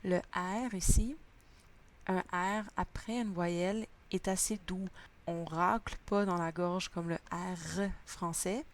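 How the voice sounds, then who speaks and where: A woman's voice: lowish voice, fairly even intonation, slow. A woman teaching a language lesson, patiently spelling out sounds word by word. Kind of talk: slow spoken lesson.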